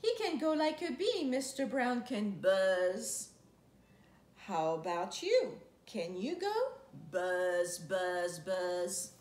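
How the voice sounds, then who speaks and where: Sing-song and a little mellow, her mid-range voice moves slowly as she reads a children's picture book aloud. The woman, in her thirties, is indoors on a living room couch, drawing out words and playfully imitating noises; a camera a few feet away catches roomy, echoey sound with faint noise.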